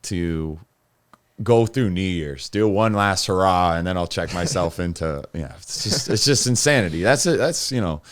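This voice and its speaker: A young adult man, a podcast guest, telling his personal story in a rambling, halting way with many restarts. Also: low voice, expressive, no room sound, studio quality.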